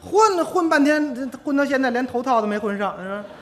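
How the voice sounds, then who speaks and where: A man performing crosstalk comedy, teasing his partner in quick banter. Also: extremely high pitch, animated, slight background noise. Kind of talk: crosstalk comedy duo routine.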